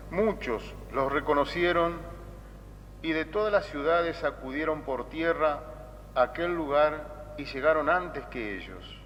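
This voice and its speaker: A priest gives a solemn, unhurried scripture reading. His deliberate phrases ring out with long cathedral echo, and the recording is dull with a rumbling noise behind him. He is a man with a mid-pitched voice. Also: fairly bright tone. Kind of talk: solemn liturgical Gospel reading. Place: large reverberant church.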